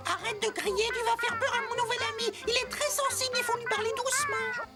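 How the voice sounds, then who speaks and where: A woman voicing a tiny, cheeky cartoon critter with a very high, squeaky voice. He teases his friend and begs with a grin. Loud music runs beneath him. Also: fairly even intonation, brisk. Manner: cheeky, teasing, wheedling. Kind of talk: cartoon dubbing.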